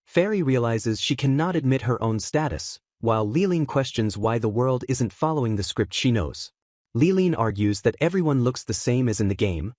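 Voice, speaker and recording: Dry, steady male recap narrator. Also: mid-range voice, no echo.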